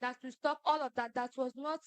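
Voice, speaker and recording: A woman asking careful, deliberate questions at a press conference. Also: sits high, fairly even intonation, no echo. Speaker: audience member asking questions.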